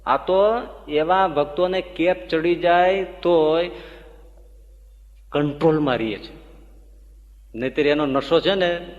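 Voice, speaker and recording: A swami preaching in a rather high voice, telling devotional stories and rising with emphasis at the key points. The sound echoes around a large hall, and the recording is dull and lo-fi. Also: male voice. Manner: animated storytelling, rising with emphasis. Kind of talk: devotional sermon storytelling.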